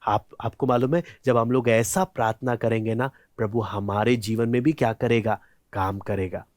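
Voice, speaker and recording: A man's voice: mid-range voice, steady tone, moderate pace, a little mellow, no room sound, clean studio sound. A man teaching a children's Bible lesson, quizzing the kids with questions and acting out the characters' words in first person. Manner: asks questions to children, then answers; acts out quoted speech in first person.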